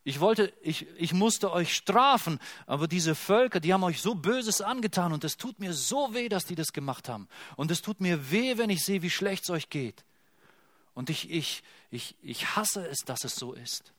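A man preaching a sermon, voicing God the Father as grieving and angry, with pained, halting repetitions. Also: extremely high pitch, expressive, voice pushed up.

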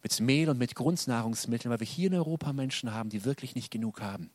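Man preaching with loud and soft swings. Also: medium pitch, fast talker, dry recording. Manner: dynamic preaching, loud emphatic peaks dropping to soft quiet lines. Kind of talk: sermon.

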